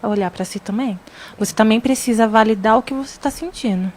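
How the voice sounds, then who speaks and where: A woman on a radio talk show who explains her points calmly and repeats key phrases for emphasis. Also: on the high side, fairly quick. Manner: calm, explanatory, stresses points by repeating them. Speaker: radio show participant on parenting.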